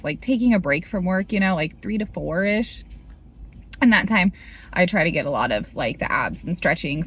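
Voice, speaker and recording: A woman in her thirties talking casually in a fitness vlog, rambling with lots of "like" and "you know". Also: on the low side. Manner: rambling, heavy use of "like". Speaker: fitness vlogger.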